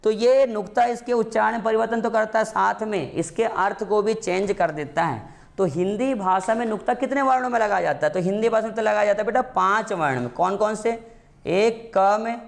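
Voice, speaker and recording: A man's voice: high voice, fairly quick, creaky. A man teaching a grammar lesson for exam prep, calling his students "beta", asking them questions and answering them himself, and repeating the key points.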